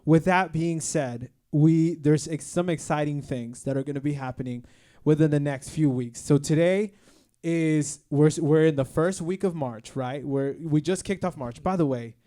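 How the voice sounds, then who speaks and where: A man's voice: a little high, normal speed, dark tone. A man in his twenties hosting a podcast, talking in an upbeat, chatty way with lots of "like.". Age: 20s. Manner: upbeat, chatty, uses filler "like". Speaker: podcast host. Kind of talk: casual chat.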